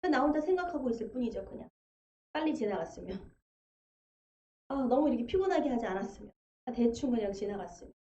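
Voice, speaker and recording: A woman's voice: fairly high pitch, very animated, fast, pauses often, mellow, slight background noise. A woman preaching a testimony sermon in a church, telling her story vividly and acting out the voices she quotes. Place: church sanctuary. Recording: echoey church livestream, dull sound.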